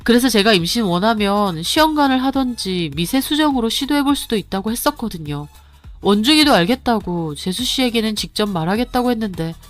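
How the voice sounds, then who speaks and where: A woman voicing a calm male doctor friend on a speakerphone in a radio story, explaining politely and evenly. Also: a little high, fairly quick, soft background music, lightly acted.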